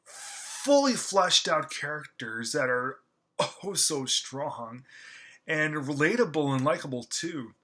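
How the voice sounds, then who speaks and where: His voice sits fairly high, pushed and bright with a breathy edge, as he reviews a film casually. The movie reviewer gushes eagerly, stumbling through fillers and restarts.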